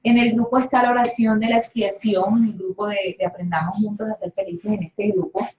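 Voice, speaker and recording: A Colombian woman leads a study group in a calm teaching voice at a mid pitch. She explains each point carefully and keeps asking questions and answering them herself. The recording sounds roomy and a little dull. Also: a little fast. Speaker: spiritual study group leader.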